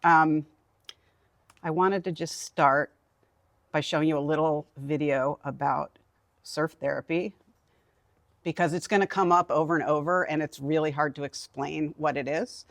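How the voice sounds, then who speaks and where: Gravelly-voiced woman in her fifties presenting. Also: sits low, unhurried, long pauses, no echo. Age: 50s. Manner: relaxed and chatty, thinking aloud. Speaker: therapist giving a conference talk. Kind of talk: conversational presentation. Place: conference room.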